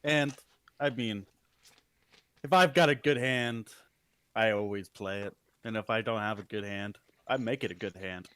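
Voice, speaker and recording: A man playing a tabletop game, telling his card-sharp moves in a playful, chatty way. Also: lowish voice, clear, resonant tone. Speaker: player. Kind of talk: in-character play at the table.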